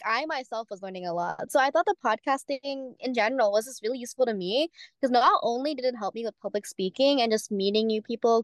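A woman's voice: a little high, no room sound. A young woman, an outgoing podcast host, chatting casually and peppering her speech with "like.". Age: young adult. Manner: chatty, heavy use of "like" fillers. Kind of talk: casual chat.

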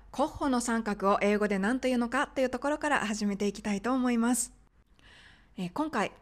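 Polite higher-pitched woman teaching pronunciation. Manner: polite, explanatory. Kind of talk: podcast lesson.

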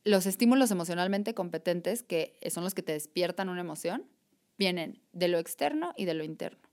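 A woman, a podcast guest in casual conversation, animated and reflective, often saying "o sea" and "¿sabes?". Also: lowish voice, fairly quick.

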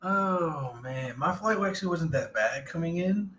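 A man co-hosting a podcast, joking in an easygoing way and chiming in with quick agreement. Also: on the high side, animated, a bit bright. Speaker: podcast co-host. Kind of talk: casual chat.

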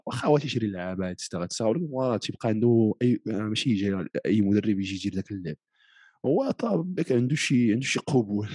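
A man's voice: on the low side, warm tone, slightly rough, no room sound. A man with a Moroccan accent in a casual football discussion, explaining his points and mixing in French phrases.

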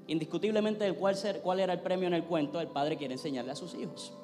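Male pastor, high voice, fervent sermon and prayer, long reverb in the sanctuary. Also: fast talker, darkish tone. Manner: preaches with rising intensity, prays fervently. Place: church sanctuary. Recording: long hall reverb, faint music.

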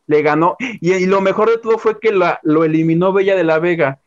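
A man's voice: sits high, fairly quick, muffled recording. A man with a Mexican accent co-hosting a casual entertainment chat, gossiping dramatically about a TV singing show. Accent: Mexican Spanish. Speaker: show co-host.

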